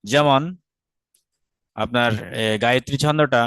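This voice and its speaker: A man from Bangladesh leads an online class on Sanskrit verse, explaining each point patiently and checking that his students follow. His voice sits at an ordinary middle pitch. He slows down to recite syllables carefully, recorded close and dry with no room sound. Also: steady tone, fairly bright tone, smooth, dry recording. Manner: explains patiently, often asks rhetorical questions and checks understanding. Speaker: teacher of Sanskrit grammar.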